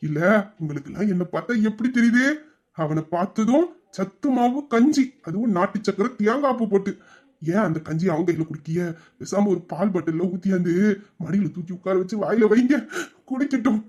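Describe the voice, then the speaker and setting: A man's voice: high voice, expressive, a little fast, mellow, muffled recording. A man performing a comic sketch, full of sarcastic and grumbling asides.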